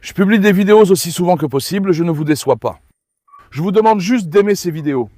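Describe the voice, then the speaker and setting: A man with a fairly high voice hosts a casual dog vlog, recorded dry and close. He coaxes his dogs with affection and pleads with his viewers. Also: animated, quick pace, dark tone, no room sound. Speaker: dog breeder and vlog host.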